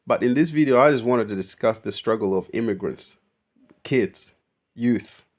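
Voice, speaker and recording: A man's voice: medium pitch, moderate pace. A young man, born in Kenya, ranting in a casual unscripted monologue, emphatic and full of slang. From born in Kenya, raised in Australia. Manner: slangy, emphatic, keeps saying bro. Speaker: vlogger.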